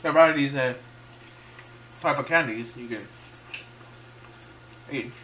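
Man, casual tasting vlog, bright tone, halting, fillers, talks while chewing. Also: medium pitch, a little hiss or hum. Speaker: vlogger.

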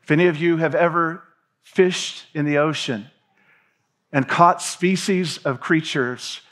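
30s guy preaching on a church stage, headset mic, medium voice, talks with his hands. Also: mid-range voice. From Tennessee. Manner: preaching with hand gestures, animated pacing, reads scripture aloud. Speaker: pastor. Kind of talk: sermon.

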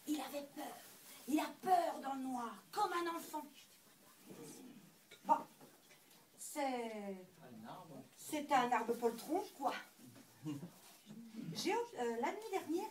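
A woman performing a comic stage monologue, telling her story with lively wordplay. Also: high voice, slow pace, long pauses, slight background noise. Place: indoor stage before an audience. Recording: distant mic in an echoey hall.

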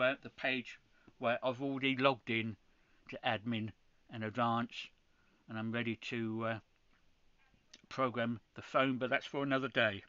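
In this screen-recorded ham radio tutorial, a UK host guides viewers through a setup step by step and frequently starts over. He has a medium-pitched, clear, resonant voice with a fairly bright edge. The sound is lo-fi but free of echo.

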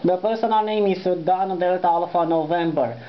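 A Romanian-accented man whose voice sits high talks at a moderate pace while making an amateur radio contact. His manner is courteous and formulaic, with phonetic spelling, and he's indoors at a desk beside the transceiver; the audio is dull, lo-fi, and faintly noisy.

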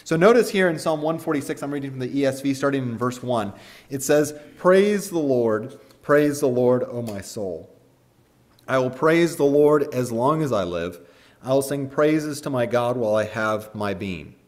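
A man's voice: medium pitch, animated, moderate pace. A man preaching a casual sermon in a chapel, talking in a loose, conversational way with plenty of fillers. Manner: conversational, chatty, many fillers. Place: church or chapel.

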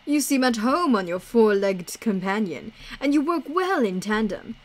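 A woman's voice: fairly high pitch, expressive, measured pace, poor audio. A woman reading the lines of a formal, eloquent male traveler who dreams of founding a circus.

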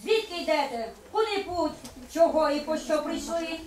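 A woman's voice: sits high, lively intonation, normal speed, darkish tone. A woman playing a stately king in an amateur nativity puppet play, declaiming in verse. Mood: irritated, imperious. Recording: echoey hall, distant noisy mic.

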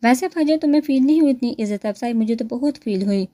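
A woman's voice: a little high, dark tone, dry recording, close to an everyday voice. A woman reading as a teasing rude young hero. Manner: mocking, teasing.

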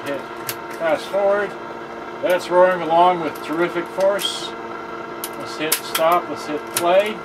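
Loud cassette-radio music fills the background as an older product reviewer gives an offhand, rambling demo while handling gear, his voice on the high side amid heavy noise. The camera mic sits a few feet away in a carpeted indoor room.

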